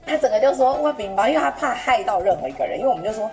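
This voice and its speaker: A young woman with a Taiwanese Mandarin accent telling a story on a podcast, animated and laughing, acting out an old customer's lines in Taiwanese. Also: on the high side, racing, music in the background. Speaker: podcast host. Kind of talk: casual chat, storytelling.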